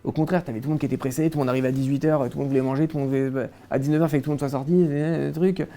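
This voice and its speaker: A man's voice: medium pitch, fairly even intonation, racing, warm tone. A young man from France, a guest in a casual interview, recounting his childhood with many hesitations and restarts.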